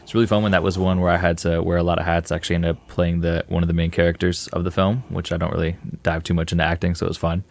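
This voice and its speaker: A young filmmaker answers interview questions in a relaxed, rambling way full of fillers. His voice sits low and sounds gravelly, and he talks very fast with hardly any pauses.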